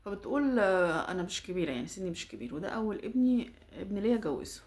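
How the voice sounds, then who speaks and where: A middle-aged woman with an Egyptian accent, casually retelling a follower's family problem and giving animated advice. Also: mid-range voice. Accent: Egyptian Arabic. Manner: animated, rapid, emphatic advice. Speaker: social media storyteller and advice giver.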